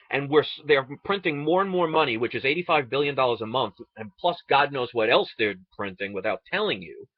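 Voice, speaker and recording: A man's voice: mid-range voice, dry recording, highs cut off. A man from the United States delivering an impassioned, indignant political rant, sarcastic and full of rhetorical questions. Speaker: online video ranter.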